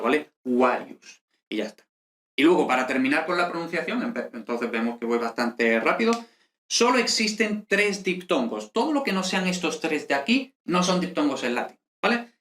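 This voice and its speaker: A man, teaching an online Latin lesson in a lively, conversational way, full of fillers and checking questions. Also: medium pitch, reverberant. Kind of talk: online lesson explaining over slides.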